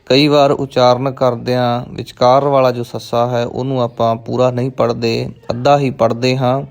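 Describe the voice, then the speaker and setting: A man teaching the pronunciation of scripture, reciting lines in a slow, measured, chant-like way and then explaining them. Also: medium pitch, little pitch movement, creaky.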